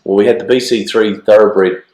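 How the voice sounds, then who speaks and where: Australian man, croaky frog voice, hoarse with flu, fairly deep, blokey racing co-host, halting casual chat, roomy echo. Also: steady tone, a little mellow. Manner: blokey, halting, repeats himself. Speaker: co-host of horse racing show. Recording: echoey, roomy sound.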